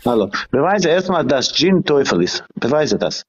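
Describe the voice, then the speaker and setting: A man's voice: medium pitch, very animated, moderate pace, husky, muffled recording. A man in a heated online debate, insistently demanding proof and calling his opponent a liar.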